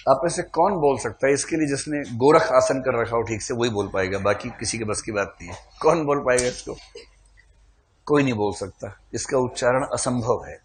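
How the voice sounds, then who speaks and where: A man's voice: mid-range voice, normal speed. A male teacher giving a classroom lecture in a medium voice. He talks in a playful, teasing way, quizzing the class and putting students on the spot.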